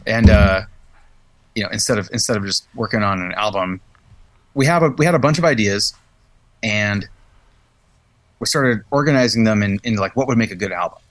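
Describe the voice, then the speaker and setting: A man's voice: on the low side, normal speed, long pauses, fairly bright tone, no echo. A man hosting a podcast, chatting in a thoughtful, searching way and often restarting phrases. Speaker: podcast host, musician. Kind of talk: casual chat.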